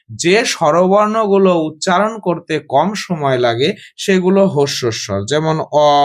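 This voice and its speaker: A man. He talks slowly and patiently, repeats each point and puts questions to his students before answering them himself. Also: a little high. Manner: slow, explanatory, repeats and quizzes students. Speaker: teacher. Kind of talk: Sanskrit grammar lesson.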